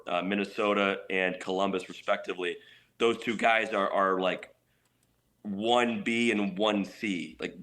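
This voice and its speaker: This man, a hockey play-by-play announcer, joins a sports radio show by remote call from his home couch. He delivers enthusiastic, conversational hockey talk in a lowish voice with a sharp edge.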